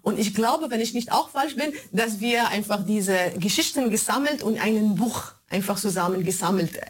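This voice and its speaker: A woman with an Arabic accent, born in Germany and raised in Kuwait and Egypt, answers interview questions about her work making radio shows. Her voice is medium-pitched with a breathy edge, and she speaks haltingly, searching for words in German, which isn't her native language.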